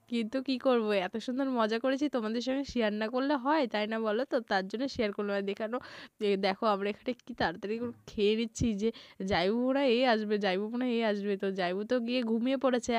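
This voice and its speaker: A woman's voice: on the high side, no echo. Chatty woman vlogger with a stuffy cold. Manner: chatty, talks straight to viewers. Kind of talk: casual vlog voice-over.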